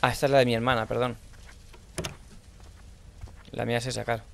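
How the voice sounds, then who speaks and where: A young man with a Spanish accent from Spain, playing a horror game and thinking aloud in low mutters, now and then shouting out. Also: level tone, brisk, gravelly. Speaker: gaming streamer. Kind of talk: horror let's play commentary.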